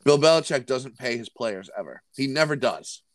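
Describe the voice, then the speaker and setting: A man's voice: medium pitch, animated, moderate pace, dry recording. Man chatting casually on a sports podcast. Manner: repetitive, stumbling restarts. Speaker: podcast co-host.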